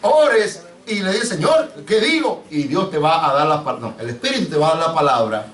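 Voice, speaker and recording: Un pastor predicando con acento caribeño a su congregación, con preguntas frecuentes y tratándolos de hermanos. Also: male voice, on the high side, animated, a little fast, fairly bright tone. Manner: preachy, asks the congregation questions, addresses them as brother. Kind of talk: sermon. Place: church sanctuary. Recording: echoey church, mic off at a distance.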